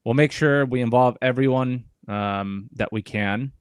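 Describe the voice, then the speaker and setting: A man hosting a casual community show, talking in a relaxed way with lots of fillers. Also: mid-range voice, a little slow, clean tone, dry recording. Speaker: host. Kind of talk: casual chat.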